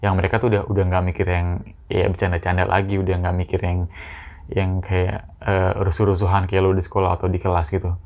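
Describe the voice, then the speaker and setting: A man's voice: deep voice, completely flat delivery, fast, darkish tone. A young man hosting a casual solo podcast, rambling with lots of restarts and slang. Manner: rambling, many restarts, slangy Jakarta-style informal talk. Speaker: podcast host.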